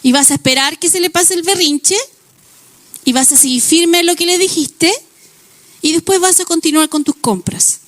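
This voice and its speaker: A woman's voice: very high voice, normal speed, no echo. A woman pastor preaching a sermon, illustrating points with everyday examples and acted-out quotes.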